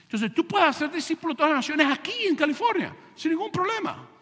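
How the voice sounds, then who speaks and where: A man preaching a sermon as pastor, animated, asking rhetorical questions and acting out scenes. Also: very high-pitched, fast. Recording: long church hall reverb.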